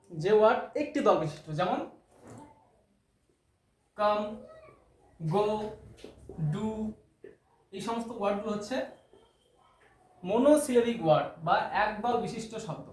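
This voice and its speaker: A man's voice: high voice, a little slow, long pauses, darkish tone. A man teaching English grammar, explaining terms step by step, repeating key words and asking rhetorical questions. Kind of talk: classroom-style explanation. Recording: echoey room with faint noise.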